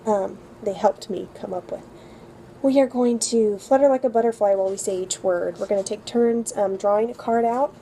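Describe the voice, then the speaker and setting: A woman's voice: mid-range voice, normal speed, warm tone, slight background noise, low-quality recording. A woman tutor walking through her weekly lesson plans in a chatty, upbeat way with frequent ums. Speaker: homeschool co-op tutor. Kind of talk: casual lesson-plan walkthrough.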